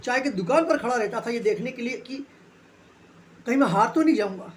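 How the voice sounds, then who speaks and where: A man's voice: extremely high pitch, expressive, fairly quick. Guy on a money advice channel telling his own story, chatty, tosses english bits in, talks to viewers like friends, a bit of faint hiss behind. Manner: chatty, mixes English phrases into Hindi. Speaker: personal finance video host. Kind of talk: casual motivational storytelling.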